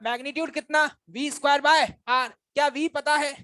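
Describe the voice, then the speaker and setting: High-voiced teasing male physics teacher. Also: fairly even intonation, moderate pace, bright, forceful tone, no echo. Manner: quizzes and teases students, addresses them as brothers. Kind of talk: classroom lecture. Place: classroom with students.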